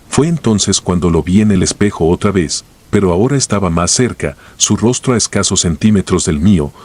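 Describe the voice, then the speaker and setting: A man narrates a scripted first-person horror tale. His voice sits very low and has a husky, rough-edged grain. He tells the story in a slow, grave way. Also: a little mellow.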